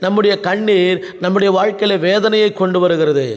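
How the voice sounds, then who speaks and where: High-voiced man preaching a consoling sermon. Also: fairly even intonation, brisk, big-room sound, dull audio. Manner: earnest, consoling, repeats phrases for emphasis. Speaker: pastor.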